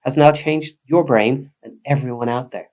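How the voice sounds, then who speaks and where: A man from Sweden speaking English, a psychotherapist guest explaining ideas in an animated, emphatic way. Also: medium pitch, moderate pace, noisy background. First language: Swedish. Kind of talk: conversational podcast interview.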